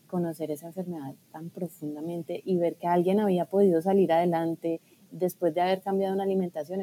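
A woman from Colombia, a guest talking through her story in a thoughtful, hesitant way with pauses. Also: lowish voice, dark tone, breathy edge. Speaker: guest, food scientist and blogger. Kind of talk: casual podcast conversation.

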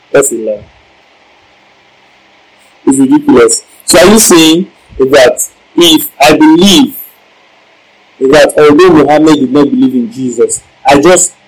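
A man's voice: fairly high pitch, low-quality recording. A male preacher giving a Bible-teaching sermon, emphatic, repeating key lines and asking the congregation questions.

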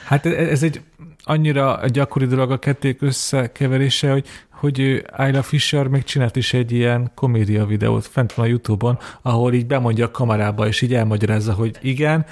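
A man's voice: medium pitch, fairly even intonation, a little mellow. A young man co-hosting a film podcast, talking casually and often repeating words as he thinks. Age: young adult. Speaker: podcast co-host.

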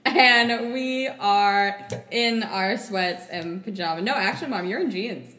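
A woman's voice: medium pitch, measured pace, bright, forceful tone. A young woman hosting a podcast in casual, conversational style. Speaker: podcast host. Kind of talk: casual chat. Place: kitchen table at home. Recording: echoey room.

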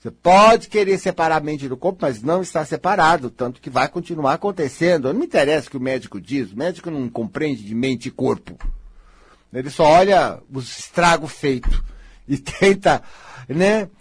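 A middle-aged man with a Brazilian Portuguese accent leads a counseling session, teasing and coaxing with lots of emphasis. His voice is husky and sits fairly high for a man, swinging widely in pitch. The sound is close and dry. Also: lively intonation, moderate pace, dry recording. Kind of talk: live counseling session with a participant.

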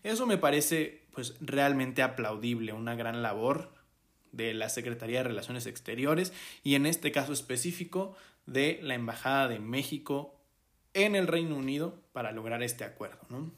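A man's voice: medium pitch, animated, normal speed, a bit bright. A man with a Mexican accent hosting a podcast, talking through the news in a casual, hesitant way, with many fillers and restarts. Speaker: podcast host. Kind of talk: casual solo commentary.

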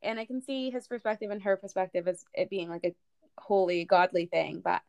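A woman's voice: medium pitch, a little fast, vocal fry, darkish tone, no echo, dull audio. A woman co-hosting a casual history podcast, talking in a chatty way with many fillers. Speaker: podcast co-host.

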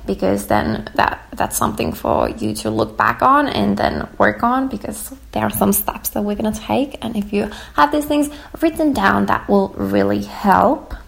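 Guiding her podcast audience softly through a reflective exercise, this young female host speaks at medium pitch and a normal pace. Her voice is hoarse and fading, and she fills it with plenty of "um" and "like."

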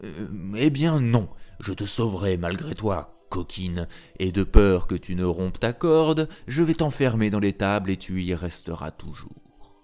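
A man's voice: sits low, very animated, measured pace, darkish tone. A man voicing a worried old farmer who fusses over his goat, in a storybook reading. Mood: fretful.

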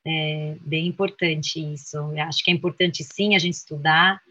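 A woman's voice: deep voice, steady tone, normal speed, pushed and bright. A woman speaking as a guest therapist in a reflective conversation, earnest and heartfelt, often ending her thoughts with a tag question. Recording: dull, dry sound.

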